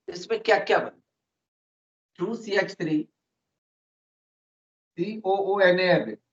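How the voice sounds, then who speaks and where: A man teaching chemistry in an online class, patiently explaining and calling his students "beta" all the time. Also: high-pitched. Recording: roomy, muffled online call audio.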